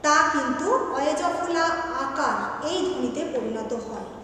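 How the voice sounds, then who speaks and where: A woman's voice: high voice, lively intonation, measured pace, bright, forceful tone. A woman teacher giving a grammar lesson, who patiently repeats each rule and asks rhetorical questions. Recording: echoey hall, far from the mic, faint noise.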